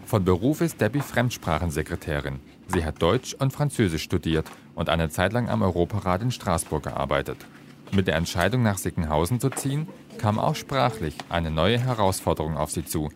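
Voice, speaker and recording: A man reads a radio feature script in a calm, steady way. His voice sits very low. The delivery is measured and even. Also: noisy background. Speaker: reporter.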